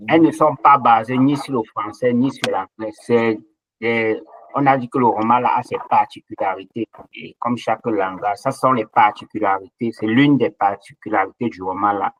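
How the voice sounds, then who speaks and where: A man's voice: fairly low pitch, moderate pace, dry recording, poor audio. A man patiently explaining letter sounds in an online language lesson. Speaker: language teacher. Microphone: online session microphone.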